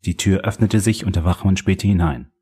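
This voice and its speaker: A man narrating a crime novel as an audiobook, in a steady, measured reading voice. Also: deep voice, breathy edge.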